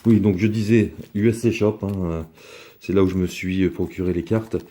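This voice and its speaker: A man with a low, mellow voice talks through opening a box of trading cards. His delivery is chatty and rambling, full of fillers and small asides. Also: steady tone, moderate pace. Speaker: card collector opening a box. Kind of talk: casual unboxing commentary.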